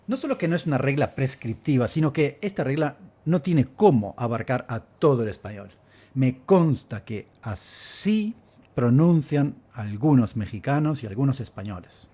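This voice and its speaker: A man's voice: medium pitch, dark tone. A man giving a casual video lesson as a Spanish teacher, thoughtful and given to repeating himself. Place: Valencia, Spain.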